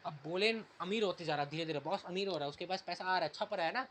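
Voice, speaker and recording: Male teacher, relaxed lesson explainer, reads slowly then recaps, faint background noise. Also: sits high. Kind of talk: explaining an English story in Hindi.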